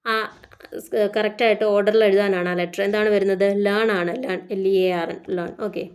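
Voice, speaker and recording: A woman teaching an exam-prep lesson, who reads English questions slowly and carefully, then explains the answers briskly in Malayalam. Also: mid-range voice, steady tone, darkish tone, smooth. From Kerala, India.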